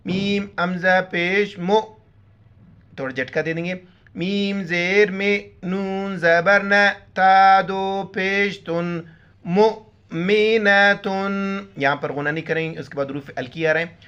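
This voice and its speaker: A man teaching Quran reading, with slow drawn-out recitation and quick spoken explanations in between. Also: sits high, fairly bright tone, clean tone. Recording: slightly dull lo-fi audio.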